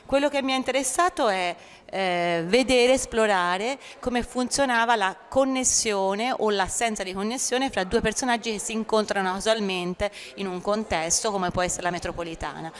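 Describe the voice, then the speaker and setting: A woman's voice: mid-range voice, normal speed, few pauses. A woman working as an interpreter, relaying speech in a hesitant way, piecing her sentences together as she goes. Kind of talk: spoken consecutive interpreting.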